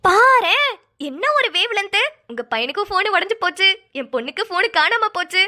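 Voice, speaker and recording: A woman voicing a sharp-tongued cartoon mother who teases and mocks while guarding her daughter. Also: very high-pitched, big pitch swings, a little fast, voice pushed up, full character voice. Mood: mocking. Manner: teasing, sarcastic.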